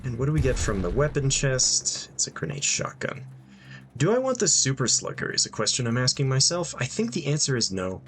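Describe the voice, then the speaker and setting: A man's voice: medium pitch, very animated, brisk, a bit bright, slight background noise. A young man giving casual gameplay commentary, thinking aloud with frequent ums and dry asides. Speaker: gameplay streamer. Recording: game music playing underneath. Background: game music.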